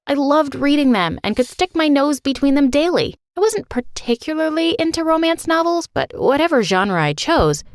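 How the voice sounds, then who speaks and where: A woman's voice: sits high, sing-song, moderate pace, hardly any pauses, no echo, clean studio sound. A woman narrating a dramatic personal story in a scripted, earnest way.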